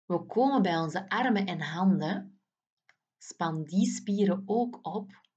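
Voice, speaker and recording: A woman's voice: lowish voice, lively intonation, slow, darkish tone, breathy edge, lo-fi sound. A woman guiding children through a muscle relaxation exercise, soothing and often dropping to a whisper.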